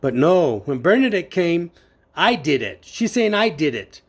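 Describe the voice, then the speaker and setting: A man testifying before a judge, speaking earnestly and haltingly with many fillers and restarts. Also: fairly high pitch, sing-song, breathy edge. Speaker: witness testifying in court.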